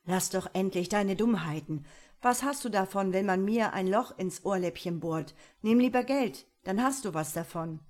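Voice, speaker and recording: A woman's voice: mid-range voice, lively intonation, unhurried, few pauses. A woman voicing mocking, greedy sons-in-law who scold and taunt. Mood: scornful.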